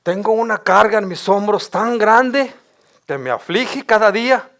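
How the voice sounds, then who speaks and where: A man's voice: sits high, expressive, a little slow, fairly bright tone. A male pastor, preaching an impassioned sermon and stammering over repeated words as he builds his points.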